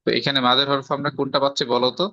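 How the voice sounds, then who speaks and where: A man with a Bangladeshi Bengali accent teaches the rules of Quran recitation in a patient tajweed lesson, walking through each step and quizzing his student with rhetorical questions to check understanding. His medium-pitched voice is level, bright and forceful, and he speaks at a racing pace. The recording has no echo and sounds dry, lo-fi and slightly dull.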